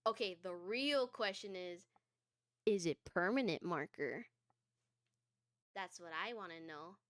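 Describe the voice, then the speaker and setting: A woman's voice: lowish voice, animated, a little slow, a bit bright, no echo, clean studio sound. A young adult woman streaming from her bedroom, chatting casually and scattered, laughing often. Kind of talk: casual live-stream chat. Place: home bedroom.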